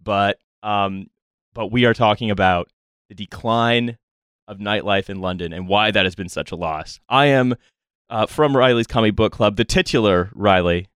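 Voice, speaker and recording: A man around thirty hosting a casual roundtable, talking in a wry, rambling, halting way. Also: fairly low pitch, fairly bright tone, smooth, no room sound, clean studio sound. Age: late twenties to early thirties. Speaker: podcast host. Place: small studio, around a table.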